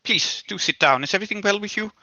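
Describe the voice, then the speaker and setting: A man voicing Vickers, a courteous, formal schemer who speaks in a measured, faintly menacing way. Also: high voice, sharp tone, dry recording, exaggerated voice. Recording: dull, dry recording.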